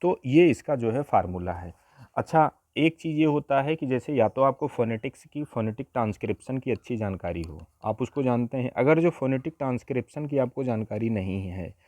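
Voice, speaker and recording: A man with a mid-pitched, expressive, mellow voice teaches an exam-prep grammar lesson, working through each point step by step and often pausing on rhetorical questions. The recording is dry and close, with little room sound.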